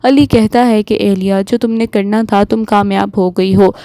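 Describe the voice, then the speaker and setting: A woman hosting a drama review channel, retelling an episode's plot in a steady, flowing storytelling manner. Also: mid-range voice, dry recording.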